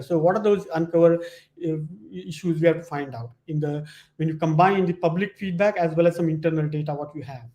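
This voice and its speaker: A man giving an informal slide presentation, speaking in halting, repetitive phrases with many verbal fillers. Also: a little high, darkish tone. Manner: hesitant, halting phrasing with frequent repetition and "you know".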